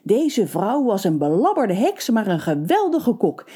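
Playful, mellow-voiced female storyteller. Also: mid-range voice, measured pace, breathy edge. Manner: playful, expressive. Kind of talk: scripted story narration.

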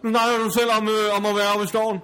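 A man's voice: medium pitch, slightly rough. A man playing a haughty, snobbish country estate owner in an improvised comedy sketch, indignant and stammering when flustered.

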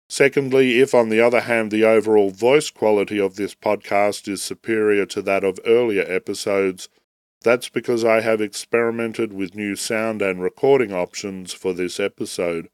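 Reading a prepared essay on theology, this podcast host speaks slowly and deliberately in a formal, measured way. The tail end of a head cold makes his fairly low voice raspy and nasal, and the close, dry recording has no room sound.

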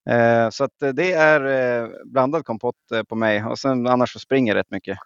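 Gravelly man, dry self-mocking guest. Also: medium pitch, no room sound. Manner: dry self-deprecating humor. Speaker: podcast guest. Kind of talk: casual chat. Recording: slightly dull dry sound.

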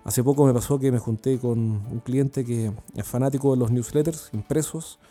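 With faint music in the background, a Chilean man hosts his podcast solo in a warm, medium-pitched voice at a moderate pace. His talk is casual and heartfelt, full of fillers and restarts, and he's also a sales consultant.

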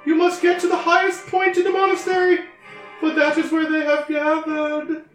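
A man's voice: extremely high pitch, completely flat delivery, normal speed, a bit bright, pitched above the performer's own voice. A man voicing a stern, imperious librarian goddess in tabletop role-play, proclaiming in pompous archaic phrases. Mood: grandiose, commanding. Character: stern, grandiose high-voiced goddess of librarians. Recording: echoey room with background music.

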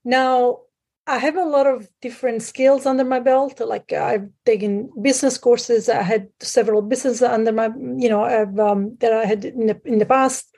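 A woman from Sicily, a guest on a call, talking through her past with many pauses and fillers. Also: fairly high pitch, steady tone, mellow, breathy edge. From Sicily, Italy. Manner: hesitant, many fillers, restarts. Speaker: guest, private lender. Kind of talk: conversational interview. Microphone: remote call.

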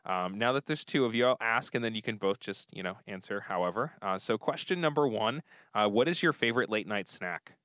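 A man in his thirties hosts a casual chat. He talks in a lowish voice, full of ums and eager restarts, and the recording is close and dry. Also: expressive, brisk, fairly bright tone, dry recording. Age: 30s. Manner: chatty, effusive, many fillers and restarts. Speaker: podcast host.

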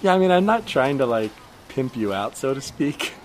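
A man playing a blunt, probing woman shopper and young mother who questions a stranger with deadpan persistence in an improvised comedy scene. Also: mid-range voice, normal speed, slight background noise, close to an everyday voice. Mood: polite.

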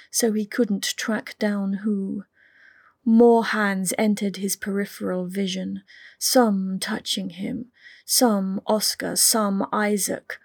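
A woman reading a story aloud as scripted audiobook narration, in a slow, soft delivery that often drops into whispers. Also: medium pitch, creaky, no room sound, clean studio sound.

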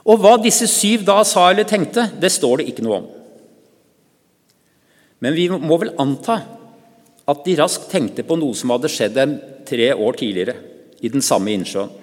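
Mann som preker i kirke med lang etterklang. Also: male voice, fairly high pitch. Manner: calm, measured storytelling with pauses and small restarts. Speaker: preacher. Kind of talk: sermon. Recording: church with long reverb.

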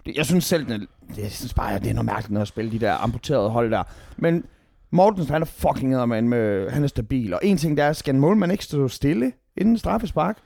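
A man in casual podcast chat about football, animated and swearing often when heated. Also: mid-range voice, vocal fry, no echo. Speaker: podcast co-host, football fan.

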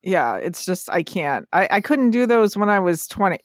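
A woman co-hosting a podcast in casual chat, chatty and quick to giggle. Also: medium pitch, big pitch swings, no echo, studio quality. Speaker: podcast co-host.

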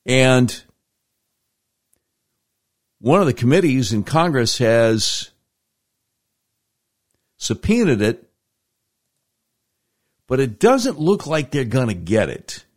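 An American man hosts political talk with a very lively, swooping pitch. He takes his time, drawing words out for emphasis in conversational commentary. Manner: emphatic, drawn-out delivery with deliberate repetition. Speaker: political talk show host.

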